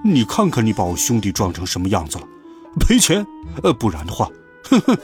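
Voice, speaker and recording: A man voicing a big, burly teenage boy bully who talks in a gruff, threatening way. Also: on the low side, huge pitch swings, a little fast, darkish tone, soft background music, voice pushed down.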